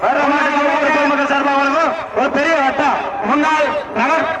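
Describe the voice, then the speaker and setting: A man with a very high, strained voice announces a bull-taming contest through a megaphone, barking rapid calls and commands. His amplified voice echoes as though from far away across an outdoor arena. A loud crowd and heavy noise fill the background. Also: level tone. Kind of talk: live event announcing over loudspeaker. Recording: echoey loudspeaker heard from far off. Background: loud cheering crowd and heavy noise.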